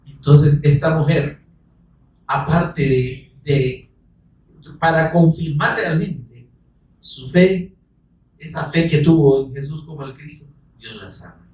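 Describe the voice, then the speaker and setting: A man preaching a sermon, fervent and rising to shouts, calling listeners brother. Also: on the high side, slow, long pauses, lo-fi sound. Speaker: pastor. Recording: echoey room, voice from far off the mic.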